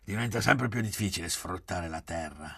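A man's voice: sits low, moderate pace, gravelly, pushed and bright, breathy edge, no room sound, clean studio sound, exaggerated voice. A man voicing a practical, grumbling middle-aged landowner in a literary audiobook. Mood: matter-of-fact. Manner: grumbling and matter-of-fact.

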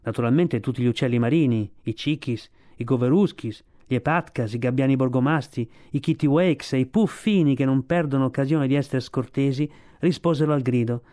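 A man reading a storybook aloud for radio, in a steady, expressive storytelling voice. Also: medium pitch, a little fast, few pauses. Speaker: reader.

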